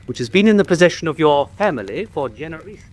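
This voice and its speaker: An actor playing an earnest, courteous country doctor in a radio drama, with polite, formal speech. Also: male voice, on the high side, animated, fast talker, heavy background noise, natural voice. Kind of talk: classic radio drama acting.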